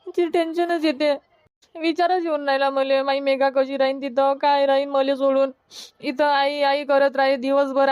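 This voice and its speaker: A woman's voice: sits high, no echo, lightly acted. A woman voicing a grieving village mother in a cartoon, speaking with a Varhadi Marathi accent and a lamenting, tearful manner. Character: grieving village mother marrying off her daughter. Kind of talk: cartoon comedy voice acting.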